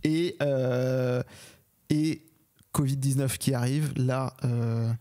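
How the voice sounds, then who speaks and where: Male podcast interviewer, mid-range pitch, relaxed dark-toned delivery. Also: very slow. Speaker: podcast host.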